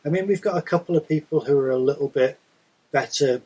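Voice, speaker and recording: A man's voice: on the high side, fast talker, mellow, husky, poor audio. A British man chatting casually as a podcast co-host, explaining himself in a rambling way. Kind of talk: casual chat.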